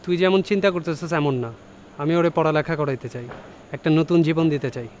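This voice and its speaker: A man's voice: on the high side, fast, darkish tone, slight background noise, close to an everyday voice. A man playing an earnest young man who wants to give a street kid a new life, speaking urgently. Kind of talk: amateur drama acting.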